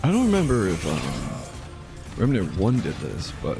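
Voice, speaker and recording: Animated man streaming a video game. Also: on the low side, normal speed, over music. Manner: rambling, easily sidetracked geeky enthusiasm. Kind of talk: casual live gameplay commentary.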